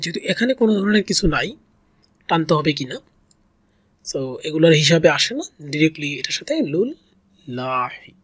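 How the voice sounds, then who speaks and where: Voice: medium pitch, animated, brisk, husky, dry recording. A reading teacher in a step-by-step lesson, sounding out syllables one at a time, repeating each and drawing out the long vowels. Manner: patient, repeats each syllable several times.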